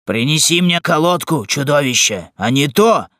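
A man's voice: fairly high pitch, expressive, moderate pace, no room sound, clean studio sound. A man voicing a coarse, drunken male cobbler-jailer who bullies and snarls in an audiobook. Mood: bullying. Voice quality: growling, coarse. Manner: bullying, shouting. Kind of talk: audiobook character reading.

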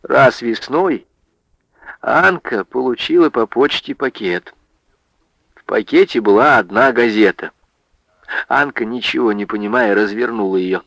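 A man narrating a literary story for radio in a measured, expressive way. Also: medium pitch, creaky, no room sound, low-quality recording.

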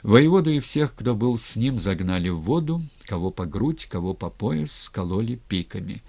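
A man reading a historical novel aloud in an expressive, dramatic way. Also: fairly low pitch, normal speed, creaky. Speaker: narrator. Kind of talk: audiobook reading.

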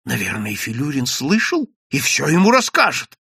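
A man's voice: medium pitch, huge pitch swings, normal speed, bright, forceful tone, slightly rough, dry recording, studio quality, exaggerated voice. A man voicing a timid, frightened quack healer in an audiobook, talking tragically and shakily. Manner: trembling, tragic.

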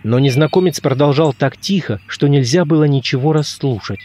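A man reading a literary story aloud in a measured, expressive narration. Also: fairly high pitch. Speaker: audiobook reader.

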